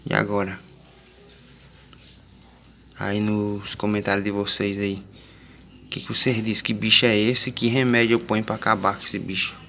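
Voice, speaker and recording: A man's voice: lowish voice, pushed and bright, slight background noise. A man with a Northeastern Brazilian accent, chatting casually to viewers about his garden in a folksy, plain-spoken way. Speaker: vlogger. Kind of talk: casual plant vlog.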